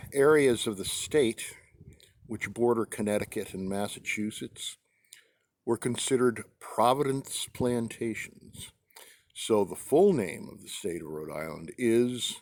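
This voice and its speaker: Male American vlogger, lower register, relaxed monologue recorded outdoors, halting delivery with mid-sentence pauses. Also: dry recording. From New England, United States. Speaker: pipe-smoking video host. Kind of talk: casual rambling vlog monologue. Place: outdoors on a deck in a light breeze.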